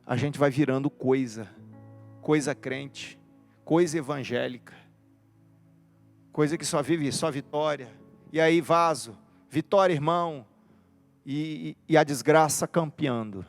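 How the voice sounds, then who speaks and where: A man's voice: on the high side, unhurried, creaky, long pauses, faint music behind. A man preaching a sermon, impassioned, driving his points home in repeated emphatic lists.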